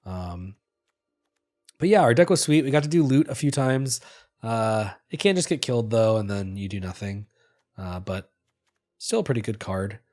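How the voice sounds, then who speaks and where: A man's voice: lowish voice, moderate pace, long pauses, faint music behind. A man with a congested, nasal voice from a cold, casually recapping his card game deck for his video audience with lots of fillers. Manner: relaxed, filler-heavy, upbeat. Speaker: gaming video creator.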